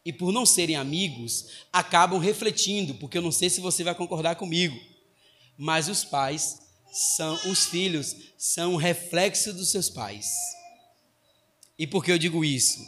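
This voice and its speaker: A man with a Brazilian Portuguese accent gives a sermon to a congregation, with a high-pitched voice. He tells stories in an animated way, acts out both sides of the dialogue and swells to loud emphasis. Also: normal speed, slight background noise. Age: former schoolteacher, adult. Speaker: missionary preacher. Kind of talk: sermon storytelling. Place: church congregation.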